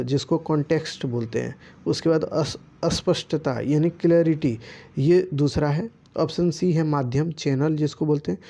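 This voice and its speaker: A man's voice: fairly high pitch, mellow. A man teaching students, patiently walking through quiz answers and asking himself rhetorical questions before giving each answer.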